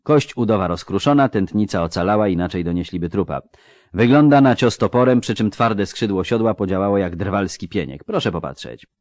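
A man's voice: fairly low pitch, expressive, brisk, darkish tone, no echo, lightly acted. A man voicing a sardonic halfling surgeon. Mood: brisk, sardonic. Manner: dry, mocking, clinical. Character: sardonic halfling field surgeon, male, unflappable.

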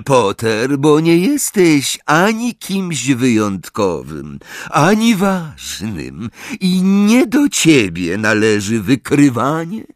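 Mężczyzna czytający jako Snape, zimny, groźny profesor. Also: male voice, fairly high pitch, no room sound, studio quality, pitched above the performer's own voice, full character voice. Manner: quiet, slow, threatening, sneering. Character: cold, menacing male professor, adult.

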